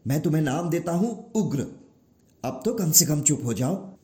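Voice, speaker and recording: A man's voice: a little high, lively intonation, normal speed, mellow, roomy sound, close to an everyday voice. A man doing a weary, exasperated creator god. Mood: pleading. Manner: pleading, increasingly exasperated. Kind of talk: storybook narration.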